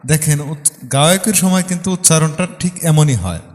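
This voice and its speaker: Patient Bangladeshi male music teacher, slightly high voice, counts beats out loud, long reverb in the room. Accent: Bangladeshi Bengali. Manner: patient and explanatory, counts beats aloud and sings short phrases slowly. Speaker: harmonium and singing teacher. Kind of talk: music lesson explaining rhythm and counting beats.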